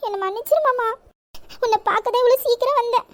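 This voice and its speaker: A woman's voice: very high-pitched, quick pace, fairly bright tone. A woman voicing a young college girl in love in a romantic audio drama, pleading and coaxing her sweetheart. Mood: pleading, tearful.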